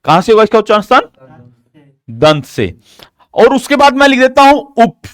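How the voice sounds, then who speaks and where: A man's voice: no room sound, studio quality. A man teaching a live online grammar lesson, explaining step by step and asking questions that he answers himself. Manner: asks questions and answers them himself, drilling; slow, deliberate explaining with an animated pitch.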